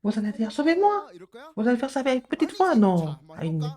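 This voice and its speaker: A woman giving a children's sermon, asking the kids questions and answering them, with sudden high exclamations. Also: big pitch swings, fast talker, dark tone. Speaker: kindergarten preacher.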